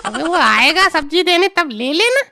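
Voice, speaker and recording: Cartoon role: an exasperated young villager, played by a woman, very high and sharp with a gravelly edge. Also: big pitch swings, normal speed, heavily acted. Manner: pleading, exasperated. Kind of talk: cartoon comedy voice acting.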